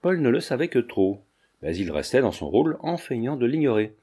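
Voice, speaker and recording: A man narrating a classic novel as an audiobook in a steady, even storytelling manner. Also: medium pitch, a little fast, breathy edge. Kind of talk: scripted narration.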